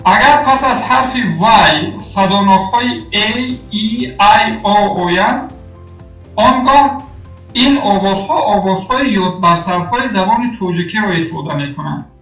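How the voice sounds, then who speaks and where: Male Tajik teacher, high voice, measured drill delivery, distant mic with faint music behind. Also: expressive, a bit bright. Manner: slow, deliberate word-by-word pronunciation drills. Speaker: language teacher. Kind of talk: phonetics lesson. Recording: echoey room, mic far off, faint music.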